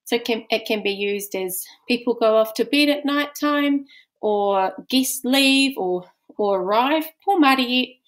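A woman's voice: on the high side, a little slow. Woman teaching with a New Zealand accent. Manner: patient, explaining step by step. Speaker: language teacher. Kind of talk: recorded course lesson.

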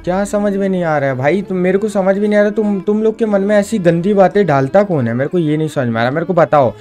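A man's voice: high-pitched, fast talker, darkish tone, faint music behind. A young man scolds a friend in a casual gaming vlog chat and keeps saying "bhai" and "yaar". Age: young adult. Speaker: gaming vlogger.

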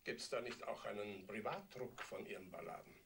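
An actor playing a polite, ingratiating rich baron in a 1980s TV drama. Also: male voice, lowish voice, normal speed, vocal fry, background noise. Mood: smooth. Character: smooth, condescending rich baron.

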